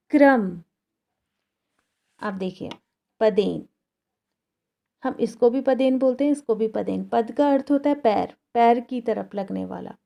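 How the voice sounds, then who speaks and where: Dull, lo-fi classroom audio captures a school teacher giving children a grammar lesson. Her slightly high voice is warm, and she speaks patiently, repeating each word for the pupils.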